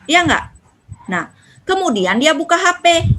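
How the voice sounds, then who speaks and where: Lively high-voiced woman giving a parenting talk. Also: measured pace, poor audio. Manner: lively, acts out quoted dialogue with children. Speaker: parenting speaker.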